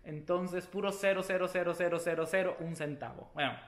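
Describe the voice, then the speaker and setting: A man vlogger telling a story to the camera in a casual, chatty way, animated and playful, with sudden loud exclamations. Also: sits high, brisk, echoey room. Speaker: beauty vlogger.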